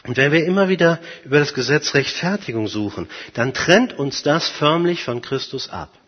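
Husky male preacher, lively and high-ish voice, long echoing hall; emphatic sermon. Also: moderate pace. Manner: emphatic, swinging from soft to loud. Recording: dull sound, long hall reverb.

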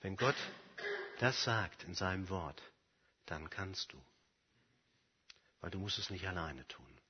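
Speaking slowly but expressively, a preacher delivers an emphatic, heartfelt sermon full of personal examples, swinging from forceful declarations to near-whispers. His husky, breathy voice echoes through a big hall, captured on a dull, lo-fi recording.

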